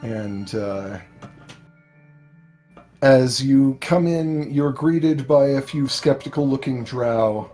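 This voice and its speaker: A man narrating a tabletop game as game master, improvising the story in a halting, measured way. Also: mid-range voice, mellow. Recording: faint background music.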